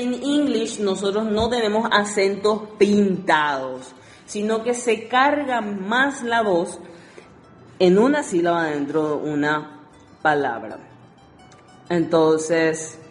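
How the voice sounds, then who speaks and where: A woman teaching English to Spanish speakers, explaining exercises and reading each word slowly twice. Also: mid-range voice, reverberant, in a large hall. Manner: switches between Spanish and English, reads words slowly twice. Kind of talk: recorded lesson explaining exercises.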